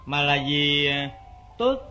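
An actor playing a hot-tempered young husband in a stage drama, bright-voiced and quick to shout. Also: male voice, fairly high pitch, lively intonation, faint music behind. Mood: casual.

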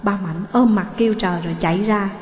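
A woman narrates a story in a steady, expressive reading voice at a middle pitch. The recording is roomy, with a long reverb trailing each phrase. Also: fast. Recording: echoey room with long reverb.

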